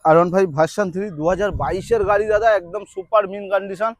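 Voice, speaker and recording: A man with a West Bengal accent delivers a hard-sell showroom pitch in a high voice. He talks quickly and insistently, repeating prices and deals. The recording is close and dry. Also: no echo. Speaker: used motorbike dealer pitching deals.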